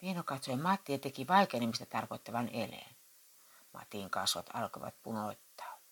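A woman reading a story aloud in a measured, plain way. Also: extremely low pitch, animated, breathy edge. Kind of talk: read-aloud narration.

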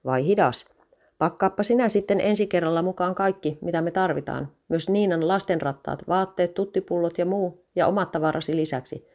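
A woman's voice: lowish voice, darkish tone, close to an everyday voice. A woman voicing a prickly young mother on a car trip, reading the dialogue in her plain storybook voice. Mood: bickering.

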